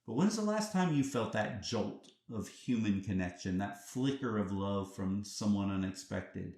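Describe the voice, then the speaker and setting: A man's voice: fairly low pitch, expressive, unhurried, darkish tone, reverberant. A man hosting a podcast, giving an earnest reflective monologue full of rhetorical questions and emphatic turns. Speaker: podcast host.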